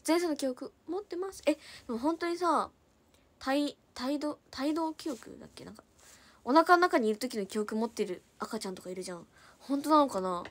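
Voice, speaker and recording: High-voiced young woman chatting on a livestream. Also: expressive, dry recording. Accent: Hiroshima dialect in places. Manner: chatty, quick-talking, reads viewer comments aloud and thanks them. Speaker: idol livestreamer reading comments. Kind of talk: casual livestream chat.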